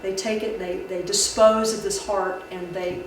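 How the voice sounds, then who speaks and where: A woman tells folk tales and explains old beliefs to a library audience, talking loosely and restarting her sentences often. Her voice is picked up from a distance in a very echoey room. Steady background noise sits under it. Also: mid-range voice, moderate pace. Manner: conversational, with many restarts and fillers. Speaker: library speaker. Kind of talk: public talk on folklore.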